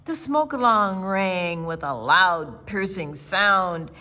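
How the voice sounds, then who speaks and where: A woman with a fairly low voice reads a rhyming picture book for children aloud. Her delivery is theatrical and expressive, like a storytime session, full of dramatic pauses and emphasis.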